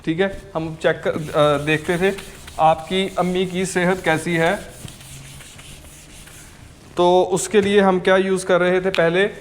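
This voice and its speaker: A man's voice: high-pitched, level tone, slow, long pauses, a little hiss or hum. A man teaching a language lesson, patiently repeating each word for learners to copy and checking in with "ok" as he goes. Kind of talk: slow step-by-step language lesson.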